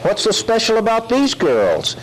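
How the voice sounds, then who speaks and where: A man's voice: sits high, wildly swooping pitch, moderate pace. A man, a police officer, giving a safety talk to schoolchildren as the patient straight man to a ventriloquist dummy. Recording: noisy recording with crowd. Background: children's crowd.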